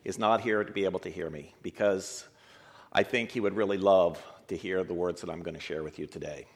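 A man in his sixties giving a speech to an audience, telling his life story in an earnest, reflective way and slowing down to stress key points. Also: low-pitched, fairly even intonation. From grew up in Ethiopia and the United States. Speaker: guest speaker.

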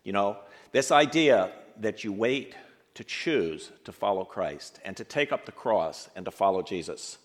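A man's voice: lowish voice, expressive, measured pace. Earnest man in his sixties giving a talk. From grew up in Ethiopia and the United States. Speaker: guest speaker. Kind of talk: speech to a live audience.

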